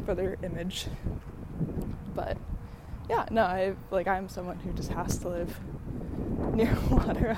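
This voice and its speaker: A young American woman muses aloud in a casual, rambling way, with clear noise of traffic around her. Her voice sits at a medium pitch, and her delivery is effusive and unscripted, as on an outdoor walk. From San Diego, United States. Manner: musing and effusive, laughs easily. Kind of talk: casual rambling solo chat. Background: passing trucks and ambient noise.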